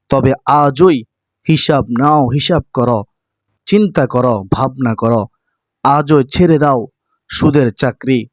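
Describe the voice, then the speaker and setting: A man's voice: mid-range voice, no echo. A man preaching a sermon, earnestly urging listeners and addressing them directly. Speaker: Islamic preacher.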